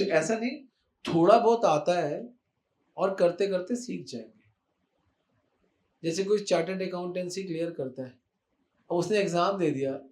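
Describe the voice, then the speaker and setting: A man giving an animated devotional talk, emphatic and repetitive, slipping English words into speech. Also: high-pitched, roomy sound. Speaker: spiritual speaker.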